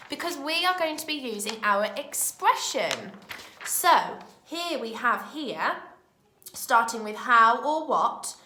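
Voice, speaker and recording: Slow, expressive British woman teacher. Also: fairly high pitch, roomy sound. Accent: British English. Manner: slow, clear and expressive, speaking to small children. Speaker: primary school teacher. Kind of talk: recorded remote lesson for young children.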